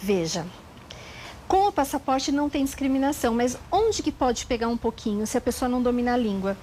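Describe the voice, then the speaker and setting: A Brazilian woman lawyer calmly explaining legal procedures step by step as an interview guest. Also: fairly high pitch, a little fast, a little hiss or hum, rough recording. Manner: calm, methodical, precise explanations.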